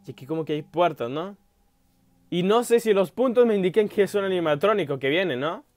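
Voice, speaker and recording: A young man giving let's-play commentary, rambling aloud with many fillers and bursting into loud yelps whenever something startles him. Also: high voice, expressive, fairly quick, dry recording, clean studio sound. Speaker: gameplay commentator.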